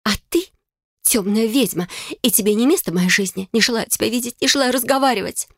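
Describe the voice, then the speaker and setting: A woman voicing a young bride, tearful, jealous and furious, with a trembling, shrill voice in an audiobook. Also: fast talker, dry recording, clean studio sound. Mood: cold anger.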